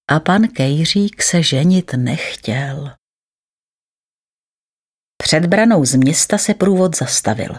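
A woman reads a story aloud in a fairly low voice. Her measured narration is lively and full of pitch movement, expressive throughout.

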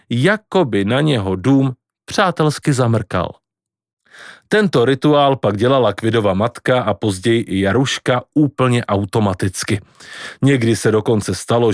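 An audiobook reader, a man with a medium-pitched voice, narrates a novel in an expressive storytelling style as scripted narration. The sound is clean studio quality with no room sound.

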